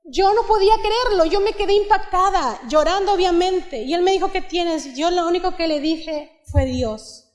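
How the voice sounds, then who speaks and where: A woman's voice: extremely high pitch, normal speed. A young woman with a Mexican accent giving an earnest testimony sermon that rises into fervent exhortation, in a church. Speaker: guest preacher. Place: church hall. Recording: long church hall reverb.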